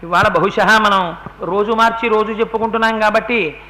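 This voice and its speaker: A man's voice: sits high, steady tone, fairly quick, bright, forceful tone, poor audio. A man giving a devotional sermon, telling a sacred epic dramatically, acting out quotes and moving into chant. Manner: dramatic storyteller, acts out quotes, breaks into chant. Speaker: religious discourse speaker.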